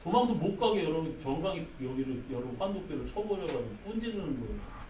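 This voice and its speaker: A man's voice: fairly high pitch, sing-song, fast talker, warm tone, slight background noise. A male pastor delivering an emphatic sermon, calling out to the congregation again and again and acting out quoted voices. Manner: emphatic, repeats "여러분" often, acts out quoted voices. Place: church sanctuary. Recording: echoey sanctuary, mic at a distance.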